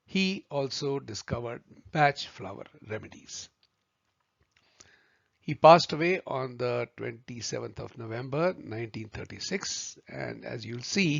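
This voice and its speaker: A man teaching a video lesson, speaking deliberately and addressing viewers as friends. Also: medium pitch, creaky, a bit bright, slightly rough, no echo. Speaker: homeopathy tutor. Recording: dry, slightly muffled recording.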